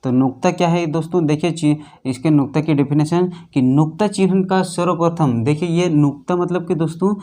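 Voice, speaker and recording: A man's voice: fairly high pitch, fairly even intonation, warm tone. A man teaching a Hindi grammar lesson for exam preparation, repeating phrases and asking and answering his own questions as he writes. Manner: repetitive, asks and answers own questions, addresses "friends"; halting, restarts phrases while writing.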